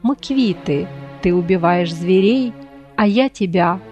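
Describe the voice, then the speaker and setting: Slow hissing storybook snake, cruel and mocking, voiced by a woman, music under. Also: lowish voice, warm tone, lo-fi sound, close to an everyday voice. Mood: menacing. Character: cruel hungry mocking female river snake.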